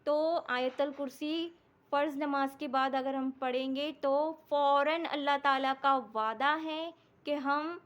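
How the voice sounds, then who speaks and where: A woman giving a religious talk to viewers, telling a story and often asking them questions. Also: sits high. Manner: asks the listeners questions, with frequent tag questions. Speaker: religious teacher.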